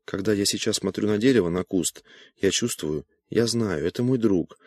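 A weary, bitter scientist, as a man reads him in an audiobook, speaks slowly and dismissively. His voice sits very low and is recorded dry and close, with no room around it. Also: a little mellow, no room sound, close to an everyday voice. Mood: brooding. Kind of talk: audiobook character voice.

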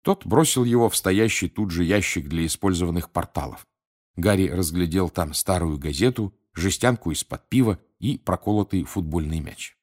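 A man with a very low, deep voice narrates an audiobook. His reading is even and measured, steady from one sentence to the next.

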